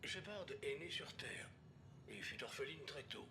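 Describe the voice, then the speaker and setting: A man playing a stern official presenting a military dossier in a video game, formal, with a gravelly voice. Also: lively intonation, measured pace. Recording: noisy recording with low rumble.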